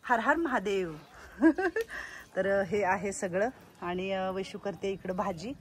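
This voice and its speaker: A woman giving a casual walk-around vlog of an old age home she runs, chatting and loudly coaxing the residents. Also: mid-range voice, slow pace, a little hiss or hum.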